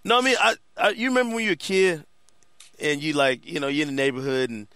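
A male sportswriter co-hosting a casual sports chat, his voice bright and forceful. He tells stories animatedly, full of slang and laughter. The sound is close and dry. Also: fairly high pitch, fast, clean tone, dry recording. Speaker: sportswriter and co-host.

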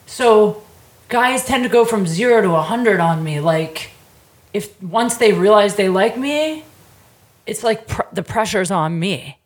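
A woman's voice: medium pitch, animated, a little slow, reverberant. A woman chatting casually and candidly in informal, slangy language, with lots of "like".

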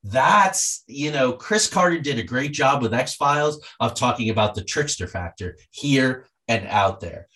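A man being interviewed as a guest author, talking in a lively, storytelling way and acting out the voices of people he quotes. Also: medium pitch, a little slow, hardly any pauses.

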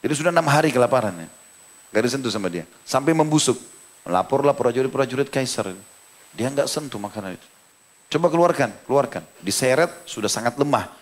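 A man's voice: mid-range voice, animated, fast. A male preacher from Indonesia giving a sermon, telling a story dramatically and then explaining scripture to his listeners. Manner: dramatic storyteller, voice rising and dropping with the tale. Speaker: Islamic preacher.

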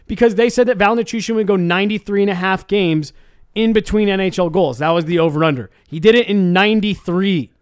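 High-voiced man talking hockey, dry sound. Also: fairly quick, clear, resonant tone, no room sound. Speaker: sports talk show co-host. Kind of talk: casual sports chat.

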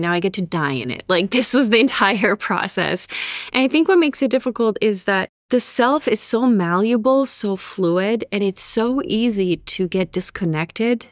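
A woman's voice: medium pitch, moderate pace, no echo, clean studio sound. A woman from Bosnia who later moved to Canada, speaking as an interview guest in an articulate, reflective, conversational way, often illustrating points with everyday examples. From born in Bosnia, raised in Serbia and Canada. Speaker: interview guest, author and therapist.

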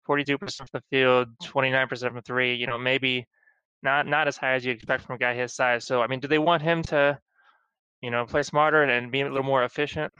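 A man's voice: medium pitch, steady tone, quick pace, pushed and bright, smooth, dry recording, lo-fi sound. A man hosting a casual sports interview, laughing often and asking long questions. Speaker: sports podcast host.

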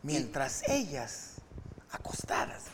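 A man's voice: medium pitch, wildly swooping pitch, slow, big-room sound, noisy background. A Mexican man co-hosting a casual podcast, joking and acting out voices in his anecdotes. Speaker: podcast co-host.

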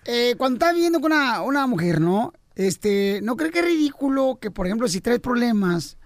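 A man hosting a radio show, joking and teasing his co-hosts in fast banter. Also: very high-pitched, sing-song, no echo, studio quality.

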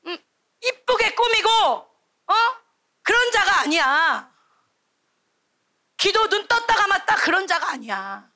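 A young woman preaching a lively sermon to children at a church camp, telling stories and acting out the children's voices. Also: very high-pitched, takes it slowly, pauses often.

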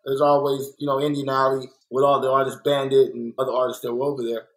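Born in Kansas City and raised in South Central Los Angeles, this young muralist guest speaks fast with a medium pitch, flat delivery and a bit of brightness. He is earnest and reflective in a candid interview, repeating points to stress them, though the audio is poor.

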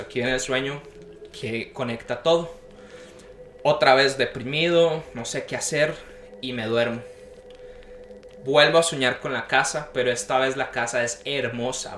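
A man's voice: medium pitch, pushed and bright. A young man casually telling a long story about his dreams, acting out the voices of the people in it. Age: young adult. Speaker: podcast guest. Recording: echoey room with faint noise.

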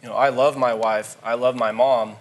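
A man's voice: mid-range voice, steady tone. Earnest young man on a talk show. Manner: earnest, halting. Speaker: guest, husband.

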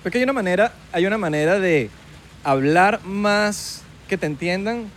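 A man's voice: high-pitched, moderate pace, slight background noise. A man with a Venezuelan accent hosting a podcast, chatting casually and playfully, joking around. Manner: playful, animated, jokes in mock accents. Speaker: podcast host. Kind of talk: casual chat.

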